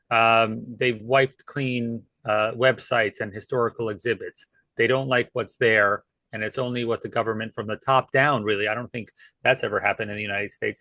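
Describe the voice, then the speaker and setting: A man's voice: mid-range voice, pushed and bright, no room sound, rough recording. Man speaking on a dry close mic. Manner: thoughtful, many fillers. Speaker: panel guest. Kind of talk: casual panel discussion.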